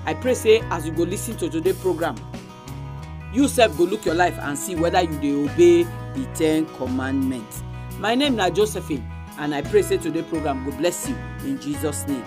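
A woman's voice: low-pitched, animated, moderate pace. A woman with a Nigerian accent presents a religious radio programme, speaking in Nigerian Pidgin. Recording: music behind the voice. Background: instrumental music.

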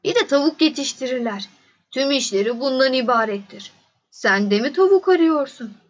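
A woman voicing a wise wild fox in a storybook, calm and explaining patiently. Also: sits high, normal speed, dull audio.

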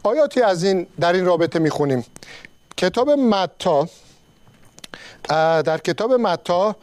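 A man giving a sermon and reading scripture, speaking in a measured way with frequent pauses between phrases. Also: sits high, animated, a little mellow. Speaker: preacher.

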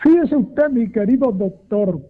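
A man's voice: very high voice, expressive, a little slow. An older man with a Puerto Rican accent calling in to a radio show, speaking in a formal, flowery, long-winded way. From Puerto Rico. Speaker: caller. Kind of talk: radio call-in. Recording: tinny phone line.

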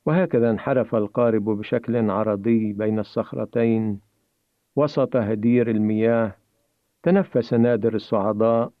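A man's voice: medium pitch, no room sound. Man narrating a story over a tinny line. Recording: tinny phone-like dry recording.

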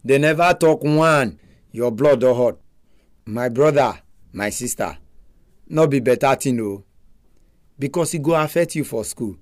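A man's voice: mid-range voice, measured pace, long pauses, no echo, clean studio sound. A man with a Nigerian accent giving a religious radio talk in Nigerian Pidgin, repeating phrases for emphasis.

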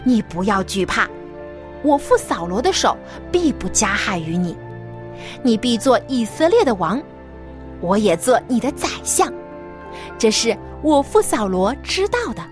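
A woman's voice: a little high, sing-song, unhurried, soft background music. A woman voicing a loyal young prince reassuring his friend in a children's Bible story, earnest and encouraging. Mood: earnest reassurance.

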